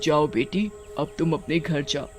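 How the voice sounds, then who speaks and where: A woman voicing a kindly female witch spirit in a cartoon, speaking softly and reassuringly. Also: low voice, a little slow, faint music behind, pitched below the performer's own voice. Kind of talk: storybook cartoon voice acting.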